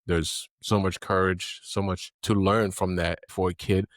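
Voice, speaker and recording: A man's voice: low voice, little pitch movement, measured pace, no echo, studio quality. A man from Haiti hosting an interview podcast, speaking in an earnest, encouraging way with many fillers. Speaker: podcast host.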